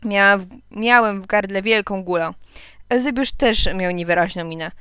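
A woman reading a children's story aloud in a lively, expressive way, with occasional slips she corrects. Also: medium pitch, moderate pace, clean tone, dry recording. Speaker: narrator.

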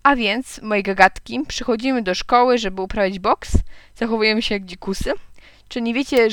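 A woman's voice: medium pitch, smooth, no room sound, natural voice. A woman reading aloud and voicing a stern, pompous older male school principal who lectures and moralizes. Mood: lecturing. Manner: moralizing, lecturing, bursts into shouting.

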